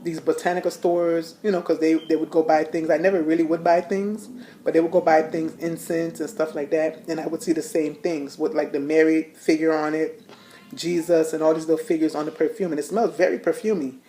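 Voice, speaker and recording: A woman's voice: sits low, flat delivery, fairly quick, dark tone. A woman giving a personal testimony in a casual, rambling way, with many fillers and restarts. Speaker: ministry leader giving testimony.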